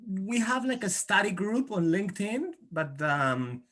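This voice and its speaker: Casting: Colombian man, Spanish native, halting English, video call. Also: high-pitched, very animated, a bit bright. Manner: halting, repeats words while searching for them. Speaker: call participant. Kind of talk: casual video call chat.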